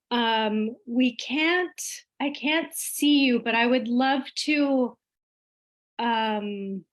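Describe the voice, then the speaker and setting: Slow, halting woman. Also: fairly high pitch. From Iqaluit, Baffin Island, Nunavut, Canada. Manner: halting, pausing often mid-sentence. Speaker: guest speaker at an online event. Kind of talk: informal talk to an online audience.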